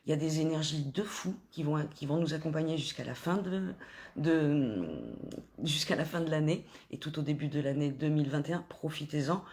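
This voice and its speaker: A woman coaching spiritual followers in an informal talk, gently encouraging them while pausing often and restarting her sentences. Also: low-pitched, steady tone. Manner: hesitant, full of pauses and restarts.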